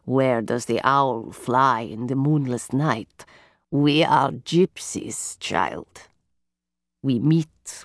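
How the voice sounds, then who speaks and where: A woman voicing a strong old fortune-teller who speaks in a low, softly rasping voice, with slow, hushed, litany-like phrasing. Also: dry recording, studio quality, full character voice. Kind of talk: audiobook character voice.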